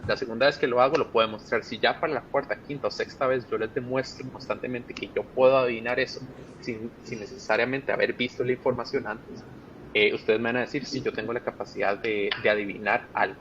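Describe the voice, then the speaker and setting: A man's voice: fairly even intonation, fast, fairly bright tone. A man with a Costa Rican accent, a project manager being interviewed, who explains ideas step by step with plain examples. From Costa Rica. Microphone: video call. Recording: muffled call audio with faint rumble.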